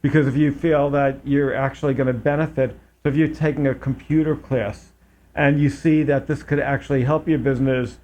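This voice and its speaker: On a local public access talk show, a male host chats casually in an interview, with plenty of fillers and restarts. His medium-pitched voice is steady, a little mellow and fairly quick. The lo-fi public access audio sounds dull.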